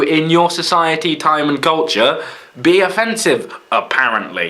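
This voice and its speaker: A young British man delivers an unscripted vlog monologue in a bright, forceful voice at a middling pitch. He sounds blunt and sarcastic, swears freely, and his voice keeps leaping up as he mimics other people mockingly. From Britain. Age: young adult. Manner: animated, swings into mocking quoted voices. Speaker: vlogger.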